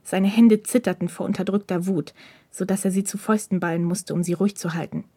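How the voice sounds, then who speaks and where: A woman reading a story aloud in a calm, even narrating voice. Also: fairly low pitch, a little fast, breathy edge, no echo, clean studio sound.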